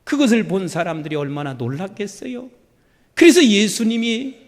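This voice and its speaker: A male pastor preaching a sermon, emphatic and rising to shouted declarations. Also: high voice, in a large hall.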